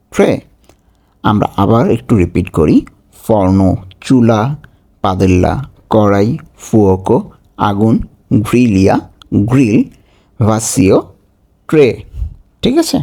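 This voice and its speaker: A man with a low, mellow voice teaches a vocabulary lesson. He says each word and its meaning several times over. He keeps checking that his listeners follow. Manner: repeats each word slowly, asks checking questions. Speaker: language teacher.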